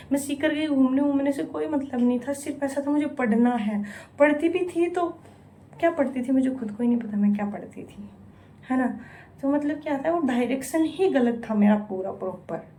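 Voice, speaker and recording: A woman's voice: fairly high pitch, warm tone, slight background noise. A young woman from India vlogging, telling a frank, rambling and emotional story in casual confessional talk, with a recurring filler word. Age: young adult. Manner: emotional, repeats "यूँ" often, frank and rambling.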